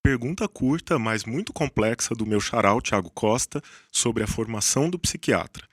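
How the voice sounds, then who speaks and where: A Brazilian man with a mid-pitched voice co-hosts a podcast. His delivery is formal and precise, like a prepared script. The recording is close and dry. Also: lively intonation, normal speed, no echo. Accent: Brazilian Portuguese. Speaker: psychiatry podcast co-host.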